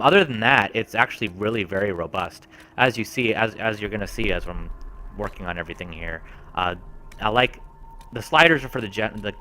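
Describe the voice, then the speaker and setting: A man's voice: lowish voice, bright, forceful tone, slight background noise. A man giving casual, enthusiastic gameplay commentary as a game reviewer. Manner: chatty and enthusiastic.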